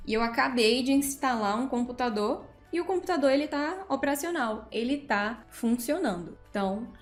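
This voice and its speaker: A woman's voice: sits high, echoey room. Upbeat Brazilian woman teaching English. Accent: Brazilian Portuguese. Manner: lively, encouraging, casual teacher talk with frequent "ok?". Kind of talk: online masterclass lesson.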